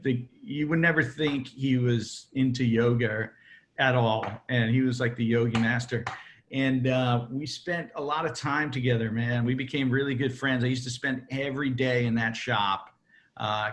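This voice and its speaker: A man's voice: mid-range voice, fairly even intonation, normal speed, a little hiss or hum. Brief: male cigar maker, laid-back rambling storyteller, lots of ums, casual interview. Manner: rambling storyteller, many fillers.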